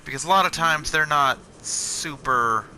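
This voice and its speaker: A man's voice: fairly high pitch, measured pace, bright, forceful tone, slight background noise. Profane rambling gamer guy. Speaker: channel host playing a video game. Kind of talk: casual chat over gameplay. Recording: game music behind.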